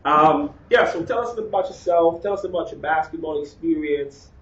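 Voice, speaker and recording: A man from the Bahamas hosts a casual sports interview, his voice on the high side at a moderate pace. He's chatty and leans heavily on fillers and repeated words. The recording sounds roomy, distant and dull, with faint noise.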